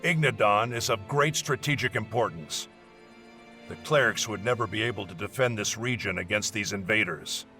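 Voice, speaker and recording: Curt, scornful, forceful warrior commander. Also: male voice, fairly low pitch, normal speed, faint music behind. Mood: brusque, businesslike. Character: hostile, bossy male warrior leading a dangerous scouting mission. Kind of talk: video game dialogue acting.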